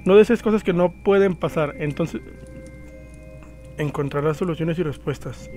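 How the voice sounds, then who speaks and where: A man voicing eerie, bossy sixteen-year-old twin sisters, reading calm, insistent game lines. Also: on the high side, moderate pace, soft background music, close to an everyday voice. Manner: reads calm, insistent dialogue from the screen.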